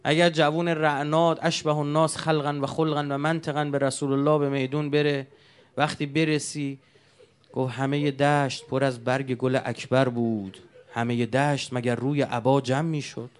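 A man's voice: medium pitch, level tone, clear, resonant tone. A man preaching a sermon, telling stories with emotion and asking the congregation rhetorical questions.

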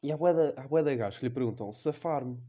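A young man with a European Portuguese accent riffs through a comic podcast monologue. He is rambling, slangy and crude, full of fillers. His voice is mellow and of middling pitch. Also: very fast. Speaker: podcast host.

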